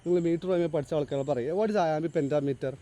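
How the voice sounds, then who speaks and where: A male teacher lectures his class, walking through the material step by step, reading English lines slowly and deliberately, and then asking the students to answer. His voice sits on the high side and sounds mellow.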